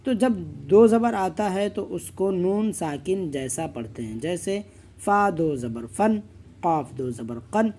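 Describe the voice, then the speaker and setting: High-voiced man drilling letter sounds. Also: lively intonation, a little mellow, slight background noise. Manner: drills each letter slowly, then explains rules quickly. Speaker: Quran reading teacher. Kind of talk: slow letter-by-letter recitation lesson.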